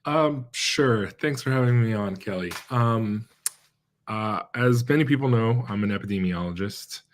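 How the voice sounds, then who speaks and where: A man's voice: on the low side, measured pace. A middle-aged man, born in China and raised in the American Midwest, talking casually as a guest epidemiologist, hesitant and full of fillers and restarts. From born in China, raised in the American Midwest and central Pennsylvania. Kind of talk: casual interview chat.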